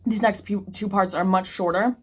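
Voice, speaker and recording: A woman's voice: mid-range voice, fairly even intonation, moderate pace, breathy edge. A woman book vlogger chatting casually to camera and thinking aloud with restarts, eating snacks between sentences. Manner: eating snacks while talking.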